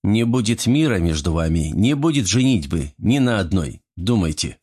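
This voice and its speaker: A man voicing a stern, blunt young prince with a gruff, curt way of speaking. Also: on the low side, very animated, normal speed, darkish tone.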